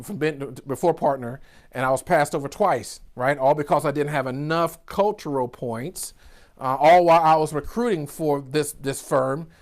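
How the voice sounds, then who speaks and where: High-voiced exuberant Georgia man. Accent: Southern US (Georgia). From Georgia, USA. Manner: exuberant, preacher-like, with whoops and a constant "right?" tag. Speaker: business coach, keynote speaker. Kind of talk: motivational keynote speech.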